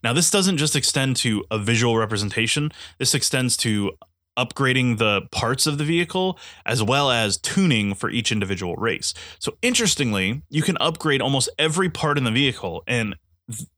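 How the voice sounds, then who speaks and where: A man's voice: mid-range voice, animated, normal speed, bright, forceful tone, no echo, studio quality. A congested man giving a casual spoken game review, eager and rambling, with many restarts. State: congested, stuffy nose.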